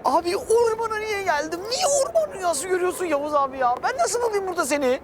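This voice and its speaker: A man's voice: extremely high pitch, big pitch swings, fast, noisy background. A young adult man playing an exasperated guy stuck in a friend's dream, complaining and pleading. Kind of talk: sitcom acting.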